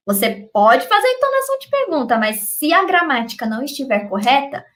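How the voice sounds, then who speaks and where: Upbeat high-voiced Brazilian woman teacher. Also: fairly bright tone. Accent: Brazilian Portuguese. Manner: upbeat, checks in constantly with "ok?" and "beleza?". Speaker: English teacher. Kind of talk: live online English lesson.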